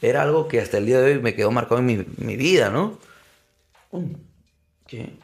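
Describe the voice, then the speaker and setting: Gravelly young man telling a story. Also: mid-range voice, brisk. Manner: animated storyteller, addresses listener as brother. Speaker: podcast guest. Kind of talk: storytelling in casual interview.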